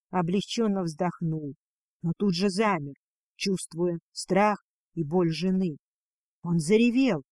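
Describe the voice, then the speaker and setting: High-voiced man narrating a fantasy tale. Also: a little mellow, dry recording, clean studio sound. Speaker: audiobook narrator.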